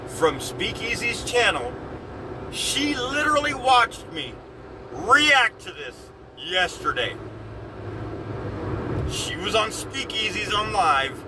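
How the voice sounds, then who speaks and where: A man streams live from his car, ranting in heated, profane commentary that circles back on itself. His voice sits a touch high for a man and comes from well back from the mic. Loud road and traffic noise runs under everything. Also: big pitch swings, takes it slowly, pauses often, far from the mic. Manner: heated, profane, repeats himself. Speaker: livestream host. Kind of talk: livestream reaction commentary.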